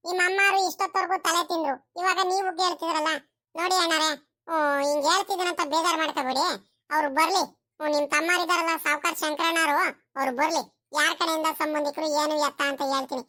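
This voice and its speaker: A woman's voice: very high-pitched, pushed and bright. A woman voicing a stubborn young village woman in a cartoon, firm and insistent.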